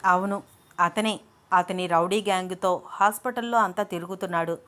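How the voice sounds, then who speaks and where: A woman voicing a calm, practical young man who speaks affectionately and reasons things out in an even tone, close to her own voice. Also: on the low side, moderate pace, close to an everyday voice. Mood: explaining.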